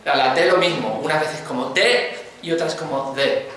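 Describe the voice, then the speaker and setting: With an Andalusian Spanish accent, a man lectures on phonology, explaining points and frequently asking students whether they follow. His voice is fairly high and sharp at a moderate pace, in an echoey classroom with faint noise.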